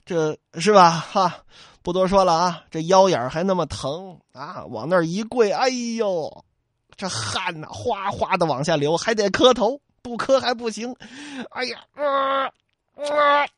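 A man's voice: high-pitched, animated, unhurried, no room sound, clean studio sound. A man telling a classic tale as comic storytelling, with chatty asides to his listeners.

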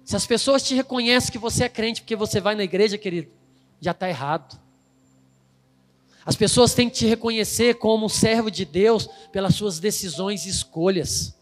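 High-voiced preaching man. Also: moderate pace, big-room sound, faint music behind. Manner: emphatic, acts out the quoted voices. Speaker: pastor. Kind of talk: sermon with storytelling.

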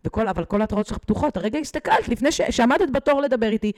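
A woman as a podcast guest expert, telling animated stories and acting out the people she quotes while speaking directly to the host. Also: on the high side. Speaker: guest expert on digital habits. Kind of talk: podcast interview, animated storytelling.

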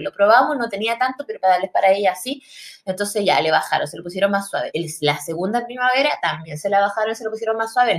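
A young woman with a Chilean accent, telling a story on her podcast in an animated, slangy way. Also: fairly high pitch. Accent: Chilean Spanish. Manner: animated, slangy, breaks into laughter. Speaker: podcast host. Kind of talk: casual storytelling.

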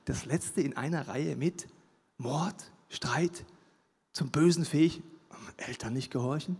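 A man preaching a sermon with emphasis, swinging from loud declaiming to hushed, intimate asides. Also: on the high side, takes it slowly, creaky, husky. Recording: long hall reverb.

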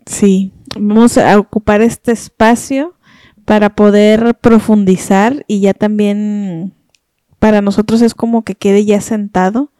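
A woman's voice: medium pitch, fairly even intonation, slow, mellow, dry recording, clean studio sound. A woman hosting a podcast and asking questions in a casual, chatty way. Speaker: podcast host and interviewer. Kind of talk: casual chat.

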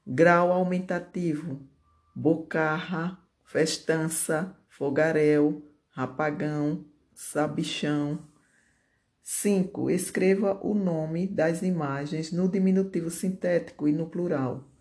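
A teacher correcting homework exercises aloud, reading answers slowly and deliberately and stretching out key words. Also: medium pitch, steady tone, a little mellow.

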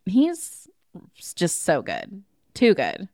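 A woman's voice: on the low side, wildly swooping pitch, drawn-out words, a little mellow, no room sound, clean studio sound. A woman podcast host recapping a film plot in casual chat, with wry, sarcastic asides.

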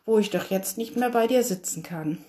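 A woman's voice: medium pitch, normal speed, warm tone, slight background noise, lightly acted. A woman voicing an eager, affectionate little preschool girl in a read-aloud story.

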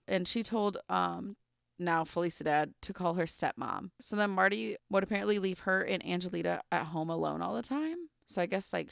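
A young woman with a fairly low, creaky voice co-hosts a podcast and tells a true crime story in a casual, chatty way peppered with "like" and "um." It's a dry recording of studio quality.

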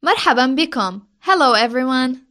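A woman's voice: sits high, animated, fast talker, bright, forceful tone. A woman who is a native Arabic speaker, co-hosting a language lesson. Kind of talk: scripted language lesson dialogue and chat.

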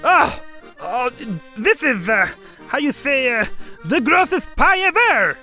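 A woman's voice: fairly high pitch, big pitch swings, unhurried, over music. A woman voicing a jittery male forest critter who stammers nervously and puts on a clumsy fake French accent. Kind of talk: cartoon voice acting.

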